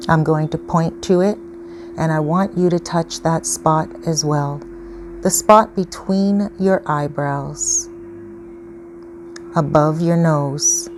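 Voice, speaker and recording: A woman leading a calm guided grounding exercise as a meditation guide, giving patient, step-by-step instructions. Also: low voice. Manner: slow, patient, instructional phrasing. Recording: clearly noisy ambient background.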